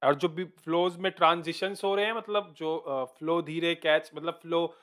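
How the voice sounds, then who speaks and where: A man's voice: fairly high pitch, steady tone, normal speed, a bit bright. A man hosting a music reaction video, chatting casually, mixing Hindi and English, with hesitant fillers and calling the listener bro.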